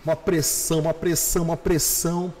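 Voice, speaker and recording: A male pastor telling his conversion story on a podcast, animated, slowing down and repeating phrases for emphasis. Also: on the high side, long reverb tail, a little hiss or hum. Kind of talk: podcast testimony.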